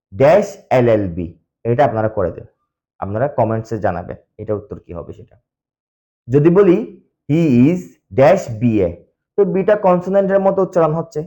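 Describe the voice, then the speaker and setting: A man's voice: fairly high pitch, darkish tone. A man who speaks Bengali natively, teaching English grammar step by step and answering his own questions. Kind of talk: explaining grammar lesson.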